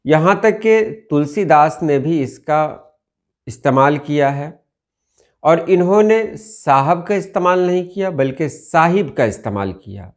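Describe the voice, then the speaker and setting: Slow, deliberate teacher, a man. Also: on the high side, lively intonation. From India. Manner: slow, deliberate, repeats key words. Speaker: Urdu language teacher. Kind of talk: explaining word meanings from dictionaries.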